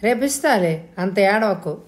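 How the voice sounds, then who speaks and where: A woman reading an audio novel, voicing a quick-tempered, scornful elder sister who shouts at her younger sibling. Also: medium pitch, lively intonation, natural voice. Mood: mocking.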